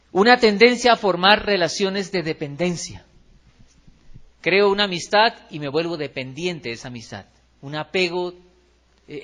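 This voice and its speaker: A man with a Colombian accent preaching a lively sermon in a church hall, acting out quotes and tossing rhetorical questions to the congregation. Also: on the high side. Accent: Colombian Spanish. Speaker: pastor.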